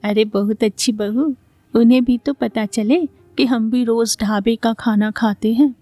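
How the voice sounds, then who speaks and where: A woman's voice: fairly high pitch, steady tone, unhurried, dark tone, dry recording. A woman playing a theatrical mother-in-law. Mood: proud. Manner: theatrical, exasperated. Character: dramatic scheming mother-in-law.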